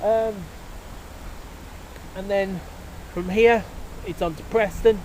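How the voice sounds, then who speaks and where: A man with a fairly high voice narrates his trip on a railway platform, filling his talk with "uh" and "um". He rambles loosely into a handheld camera. Faint outdoor noise sits under his voice. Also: steady tone, slow, a little mellow, poor audio. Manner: rambling, many fillers, self-deprecating. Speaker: railway enthusiast vlogger. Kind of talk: casual video diary narration.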